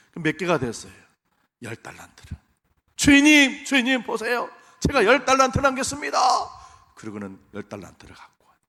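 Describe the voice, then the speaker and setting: A man's voice: medium pitch, a bit bright. A male pastor preaching a Sunday sermon, speaking emphatically and directly to his congregation. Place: church sanctuary. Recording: long church hall reverb.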